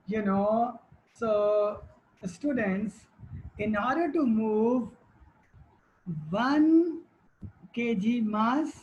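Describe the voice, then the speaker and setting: A woman's voice: fairly high pitch, darkish tone, dull audio. A woman teacher giving a classroom lecture, quizzing students and repeating their answers.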